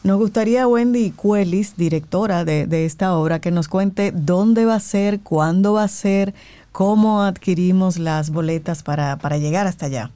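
Low, mellow-voiced female interviewer. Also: moderate pace, no room sound. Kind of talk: interview questions.

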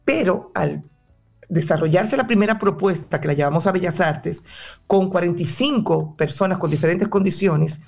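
A woman's voice: lowish voice, normal speed, vocal fry, a little mellow, soft background music. A woman theater director and drama teacher answering interview questions in a passionate, explanatory way.

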